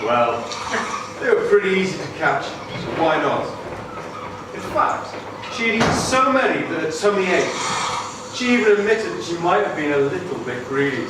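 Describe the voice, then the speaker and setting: Here a man tells a scripted tale during a live puppet performance, his slightly high voice moving in a sing-song way at moderate speed. The hall is noisy and echoey, and he sits well back from the mic.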